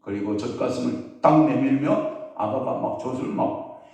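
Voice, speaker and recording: A man's voice: medium pitch, moderate pace, vocal fry, warm tone. A man preaching as pastor at an early-morning sermon, telling stories and putting questions to the congregation. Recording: very echoey hall, voice from a distance.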